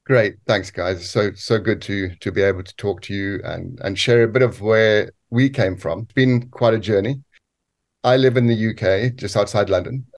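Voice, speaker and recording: A man who grew up on a farm in Zambia and lives in the UK, answering interview questions in a measured way with frequent restarts. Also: lowish voice. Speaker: guest, cofounder.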